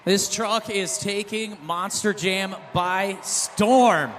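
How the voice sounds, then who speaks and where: A man's voice: high-pitched, fairly bright tone, soft background music. A man working as a hype event announcer and commentator, one of a duelling pair, calling motorsport in an arena and stretching out names and scores. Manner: hyped announcer trading calls with a co-announcer, drawn-out name and score calls.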